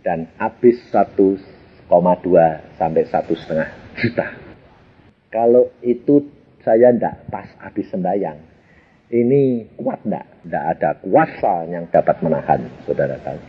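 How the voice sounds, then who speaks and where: A man's voice: sits low, measured pace, breathy edge, highs cut off. A man in his eighties with a Javanese accent, preaching a sermon through anecdotes. He tells his stories with animation, chuckles often and acts out the people in them. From Central Java, Indonesia. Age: 80s. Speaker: evangelist preacher. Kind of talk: storytelling sermon.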